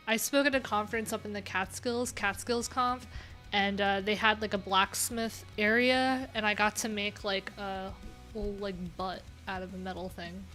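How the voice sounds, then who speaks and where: A woman with a medium-pitched, slightly bright voice hosts a laid-back livestream. She reads viewers' answers aloud and tosses in loose, chatty asides full of fillers while pop punk music plays behind her.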